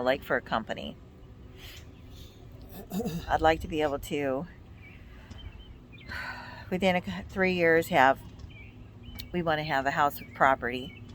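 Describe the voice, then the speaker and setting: An American woman in her fifties co-hosts a vlog, chatting casually and giving blunt, emphatic, complaining opinions. Her voice is deep, with slight background noise.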